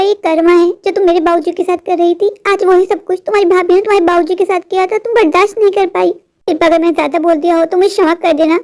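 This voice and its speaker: A woman's voice: very high-pitched, darkish tone. A woman voicing an earnest young husband and dutiful son in a cartoon story, pleading and lecturing.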